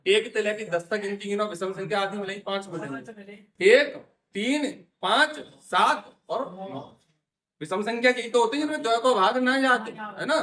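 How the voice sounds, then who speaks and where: A man's voice: high voice, brisk, a bit bright. A man with a teaching a maths class, quizzing students and repeating their answers. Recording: echoey room, voice from far off mic.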